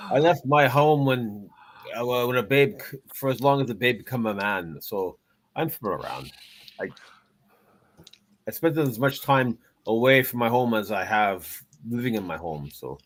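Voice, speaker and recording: A man's voice: mid-range voice, animated, moderate pace, fairly bright tone, slight background noise, lightly acted. A man voicing a genial wandering traveller from the Isles, with folksy, old-fashioned phrasing, in tabletop role-play. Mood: reflective. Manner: archaic, folksy phrasing with chuckles.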